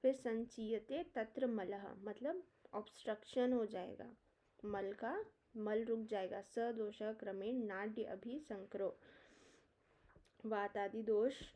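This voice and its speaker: Her mellow, medium-pitched voice guides students through Ayurveda exam preparation. She recites Sanskrit verses, unpacks them in Hindi sprinkled with English terminology, and shares mnemonics, all captured in a dull, low-fidelity lecture recording.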